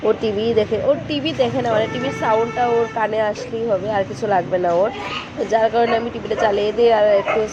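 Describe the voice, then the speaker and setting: A woman's voice: fairly high pitch, fairly even intonation, quick pace, lo-fi sound, noisy background. A woman filming a casual home vlog, whispering at first and then sing-song baby talk to her toddler. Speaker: vlogger mother.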